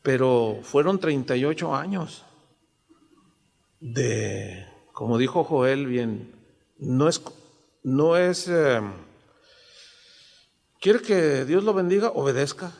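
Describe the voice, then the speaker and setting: A man's voice: medium pitch, animated, takes it slowly, vocal fry, long pauses, a little mellow. A man in his sixties with a Mexican accent, preaching a sermon in a conversational way full of rhetorical questions. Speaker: pastor. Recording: long hall reverb.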